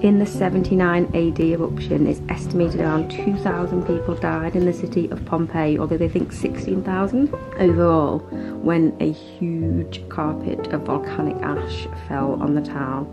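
A woman's voice: low voice, steady tone, normal speed, over music. A woman in her thirties narrating a travel vlog in a chatty, reflective way, filming herself outdoors. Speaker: travel vlogger. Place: outdoors among ruins. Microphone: handheld camera at arm's length.

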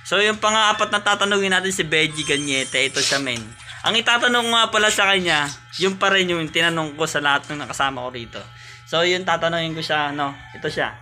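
A man's voice: on the high side, a little fast, sharp tone, faint music behind. A young man hosting a casual vlog, bantering and laughing with friends. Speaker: vlogger host.

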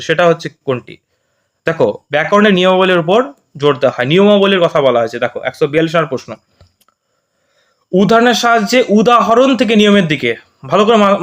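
Fast-talking, high-voiced male tutor. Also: fairly bright tone. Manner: explains step by step with frequent checks like "okay?". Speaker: teacher. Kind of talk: exam prep lesson.

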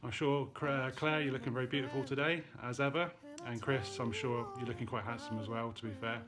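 A man's voice: mid-range voice, fairly even intonation, brisk. A man in his thirties earnestly wishing a couple well in a phone video message from home. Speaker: friend sending a wedding message. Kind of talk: warm selfie video message. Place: indoors at home. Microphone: phone camera. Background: music.

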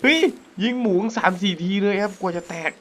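A young man giving casual, excitable commentary while playing a hunting game, breaking into sudden jumpy exclamations. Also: sits high, fast talker. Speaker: gaming YouTuber. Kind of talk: casual let's-play commentary.

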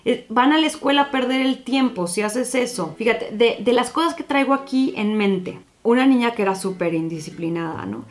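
In her laid-back parenting vlog, a former teacher in her young adult years shares advice at a moderate pace with barely any pauses. Her voice is fairly high, and she brings her stories to life by performing the conversations she had with kids.

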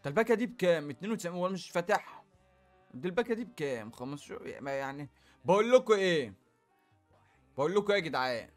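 A man with an Egyptian Arabic accent commenting on opening game packs, animated, jumping between loud outbursts and low muttering. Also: very fast, long pauses, faint music behind. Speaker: gaming YouTuber.

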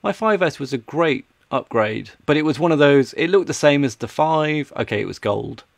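A podcast panellist in his thirties explains things during a casual tech chat, close to the mic in a small home room lined with shelves. His pitch is fairly high and animated, his speed normal, with some vocal fry and no echo.

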